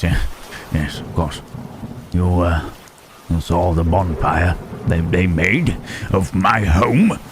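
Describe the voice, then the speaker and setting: A man playing a lonely, humble, gentle-hearted monster in an intimate ASMR roleplay, speaking haltingly and repeating his words with murmured questioning tags. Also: low-pitched. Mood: shy, tentative, then wistful. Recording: rain and thunderstorm noise behind. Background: rain and thunder.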